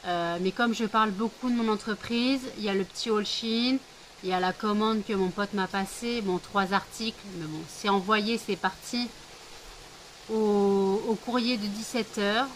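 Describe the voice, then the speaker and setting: A woman's voice: medium pitch, fairly even intonation, moderate pace, a little hiss or hum, rough recording. A middle-aged woman vlogging casually from home, chatting to viewers and cooing baby talk to her scared pets while rain is heard outside.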